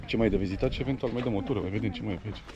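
A man's voice: lowish voice, dull audio. A man in his thirties making a casual travel vlog outdoors, chatting and reading grave verses aloud, recorded on an action camera. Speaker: motovlogger. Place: outdoors in a village cemetery. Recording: outdoor camera audio with background noise.

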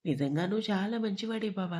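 A woman's voice: medium pitch, quick pace, darkish tone, close to an everyday voice. A woman voicing an emotional young woman in an audio storybook, sulky, sarcastic and affectionate. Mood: pouting.

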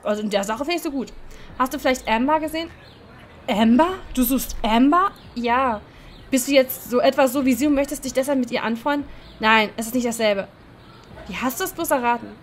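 A woman's voice: a little high, brisk, slight background noise. Playful woman reading a game aloud. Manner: playful, laughing at her own slips. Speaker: let's-play host. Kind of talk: reading a dating game aloud, voicing every character.

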